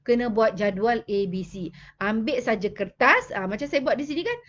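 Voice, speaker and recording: Chatty Malaysian woman, bright and lo-fi. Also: on the high side, lively intonation, moderate pace. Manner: chatty, answers viewer comments, mixes in English. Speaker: child behavior specialist hosting a live stream. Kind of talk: casual live-stream talk to viewers. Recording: dull lo-fi live-stream audio.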